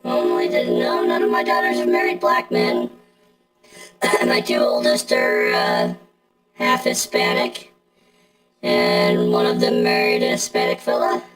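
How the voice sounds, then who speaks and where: Deep robot-voiced middle-aged streamer. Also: wildly swooping pitch, a little slow. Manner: blunt, talks back to chat. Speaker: live game streamer. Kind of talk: casual live-stream chatter. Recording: echoey room with game music.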